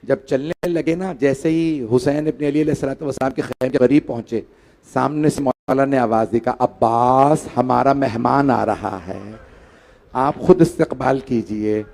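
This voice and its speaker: A man preaching a mourning sermon, swelling from hushed grief to loud pleading cries. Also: mid-range voice, normal speed. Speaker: Shia preacher reciting a majlis. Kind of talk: mourning sermon, chanted recitation of tragedy.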